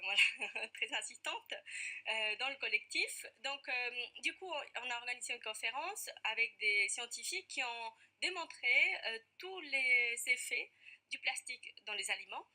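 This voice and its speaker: In a TV studio interview, a parent activist with an Argentine accent answers questions earnestly, hesitating often with "euh." Her fairly high voice is bright and forceful, with lively intonation and a slightly slow pace.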